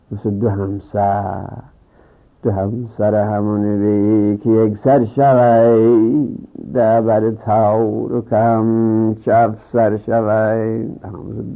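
Gravelly low-voiced male grammar teacher. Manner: rapid, sing-song recitation of conjugations. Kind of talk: classroom lesson, chanting verb paradigms. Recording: dull lo-fi recording.

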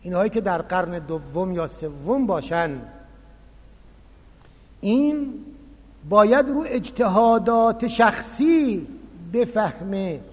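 A man delivers a religious lecture in a fairly high voice. He explains his points with animated emphasis. The recording has a long hall reverb behind him. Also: pauses often. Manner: explanatory, animated, acts out quoted dialogue. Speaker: lecturer on Quran recitation.

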